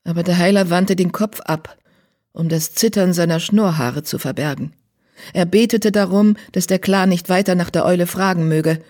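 Man narrating a storybook, slightly high voice. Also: moderate pace, darkish tone. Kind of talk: audiobook narration.

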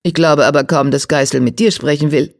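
A narrator voicing a broad-shouldered tomcat on border patrol, gruff, loud and hostile toward strangers. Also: medium pitch, fairly even intonation, a little fast, close to an everyday voice. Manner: loud, challenging, growly. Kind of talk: audiobook character voice.

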